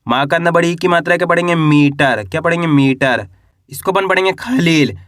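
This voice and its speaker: A man teaching reading and writing, slowly sounding out syllables and asking his listeners questions. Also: on the high side, a bit bright, no echo, studio quality. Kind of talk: Hindi reading and writing lesson.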